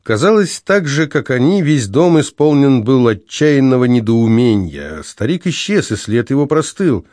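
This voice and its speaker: Man, audiobook narrator, medium pitch, dry close sound, measured expressive reading. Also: no echo.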